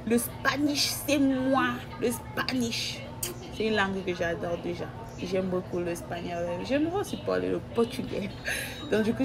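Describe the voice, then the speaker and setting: A woman from Equatorial Guinea, a mother chatting in a rambling way to her viewers in a casual home vlog. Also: medium pitch. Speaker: vlogger and mother. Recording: noisy home recording.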